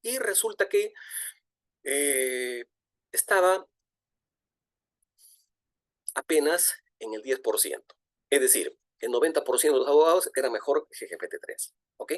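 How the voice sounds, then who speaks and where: A middle-aged man, lecturing at a virtual conference, lively and full of fillers and restarts. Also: mid-range voice, a little slow, long pauses, no echo, clean studio sound. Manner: animated, frequent fillers and restarts. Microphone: video call.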